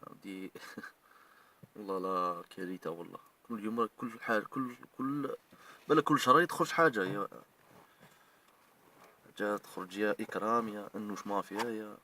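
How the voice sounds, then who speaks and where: Algerian guy ranting fast, low tense voice, a bit far from the mic. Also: sharp tone, slight background noise. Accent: Algerian Arabic. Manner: emotional, scolding, addresses people directly. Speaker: online commentator. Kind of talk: heated video rant.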